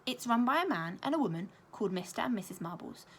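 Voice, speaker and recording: Sounding like a primary school teacher, this woman reads a children's story with expression and clear pacing. She has a mid-range voice and moves along at a quick pace.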